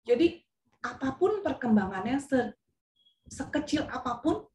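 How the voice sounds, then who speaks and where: Woman, parent guest, high voice, earnest heartfelt storytelling, echoey room. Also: unhurried, far from the mic, slight background noise. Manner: earnest, heartfelt, animated retelling. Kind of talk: emotional personal storytelling in a webinar.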